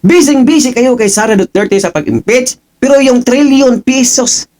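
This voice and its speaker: High lively-voiced mocking male vlogger. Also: moderate pace. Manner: taunting, laughing, keeps asking "ha?". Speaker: political reaction vlogger. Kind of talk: mocking reaction commentary.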